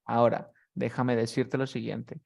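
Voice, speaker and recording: A man's voice: mid-range voice, little pitch movement, measured pace, creaky, darkish tone. A man teaching English pronunciation one-on-one over a video call, explaining step by step and checking often that his student follows. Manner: patient, explains step by step with many checks like "¿cierto?".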